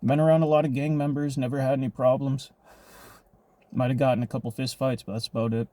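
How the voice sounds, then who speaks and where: A man's voice: mid-range voice, little pitch movement, fast talker, mellow, dry recording. Rambling, profane storytelling man. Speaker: vlogger telling a personal story. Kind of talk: casual storytime monologue.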